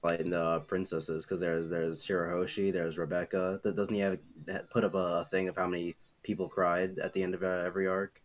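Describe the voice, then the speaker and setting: A man's voice: sits low, little pitch movement, a little fast, hardly any pauses. A man chatting casually as a co-host, with a hesitant, understated way of talking. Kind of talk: casual chat.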